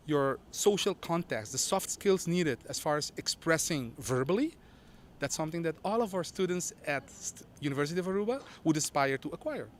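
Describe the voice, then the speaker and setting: A man's voice: fairly high pitch, a little hiss or hum. A man giving an explanatory interview statement as a university representative.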